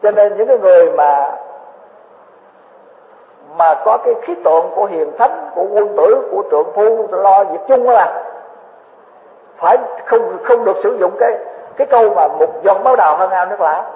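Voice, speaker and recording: A man's voice: sits high, lively intonation, moderate pace, pauses often. A man with a Southern Vietnamese accent giving a Buddhist sermon, earnest and conversational, repeating phrases for emphasis. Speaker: Buddhist teacher. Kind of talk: dharma talk sermon. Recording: echoey hall on a tinny, phone-like line.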